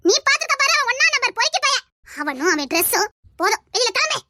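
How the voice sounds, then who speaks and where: A performer voicing a stern, sharp-tongued mother in a homemade family drama, with a Tirunelveli accent. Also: very high voice, big pitch swings, fast talker, no room sound, clean studio sound, heavily acted. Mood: angry scolding. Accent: Tirunelveli Tamil. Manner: harsh, commanding, sharp-tongued. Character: stern scolding middle-aged mother.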